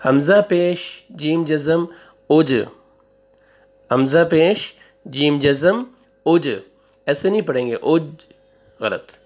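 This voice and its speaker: A man with a Pakistani Urdu accent teaching a Quran reading lesson, slowly drawing out syllables for pupils to repeat and then adding quick explanations. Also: fairly high pitch, a little mellow. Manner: slow, drawn-out drilling of syllables with quick asides. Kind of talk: online recitation lesson.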